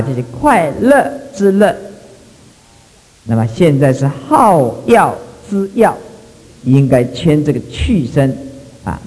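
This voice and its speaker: A man with a Taiwanese accent giving a Buddhist sutra lecture, stretching his phrases, peppering them with drawn-out fillers and slipping into Hokkien. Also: fairly high pitch, warm tone, long reverb tail, poor audio. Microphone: microphone.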